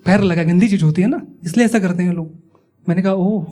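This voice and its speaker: This high-pitched, fast-talking young man has a warm tone and comes from Uttar Pradesh, India. Performing stand-up in a comedy club for a live crowd, he spins conversational stories, ribs the audience and impersonates the people involved, with laughter audible throughout the live show.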